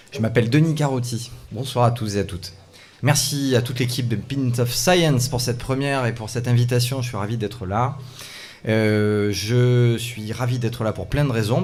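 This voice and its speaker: A man's voice: fairly low pitch, darkish tone. A man from France giving a casual, joking talk to a bar audience, chatting with people and asking them questions. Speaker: speaker at a science pub talk.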